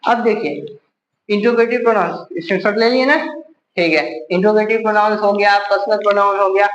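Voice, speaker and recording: High-voiced man teaching grammar, echoey room. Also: steady tone, a little fast, a bit bright, lo-fi sound, slight background noise. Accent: Hindi. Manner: repeats rhetorical questions to the class. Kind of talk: classroom grammar lesson.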